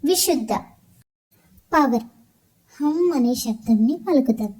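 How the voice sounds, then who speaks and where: A woman calmly explaining meditation as a teacher, listing each point one at a time in a measured way. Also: high-pitched, breathy edge, poor audio. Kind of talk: calm instructional explanation of chakras.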